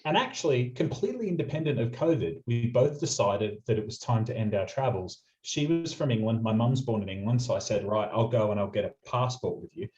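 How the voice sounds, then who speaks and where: A young Australian radio presenter with a medium-pitched, darkish voice and lively intonation tells travel stories in a quick, chatty, anecdotal style. It's a casual storytelling interview, and the audio is muffled and lo-fi.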